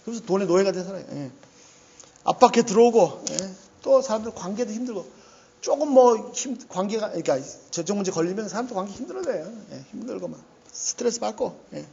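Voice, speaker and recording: High-voiced, animated male preacher. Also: fairly quick, gravelly, dull audio. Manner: animated and conversational, often saying "yes" and laughing. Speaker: pastor. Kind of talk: sermon.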